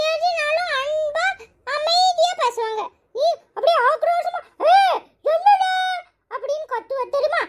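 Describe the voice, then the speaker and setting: A woman voicing a chatty, teasing little village boy in a cartoon, with a squeaky, giggly voice. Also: heavy background noise. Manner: teasing, rambling, singsong. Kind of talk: cartoon storytelling.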